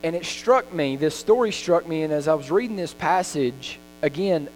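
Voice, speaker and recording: Folksy preacher in an echoey church. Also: male voice, fairly high pitch, animated, moderate pace, faint music behind. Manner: conversational, folksy preaching with many ums and restarts. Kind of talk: sermon. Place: church sanctuary. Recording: reverberant hall with mains hum.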